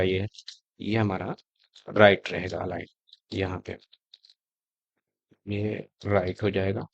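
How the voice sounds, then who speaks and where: A man teaching a screen-recorded coding lesson, talking step by step in a relaxed, conversational way as he types and shows results. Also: fairly low pitch, no echo, highs cut off. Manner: conversational, explaining step by step while typing. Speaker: coding tutor.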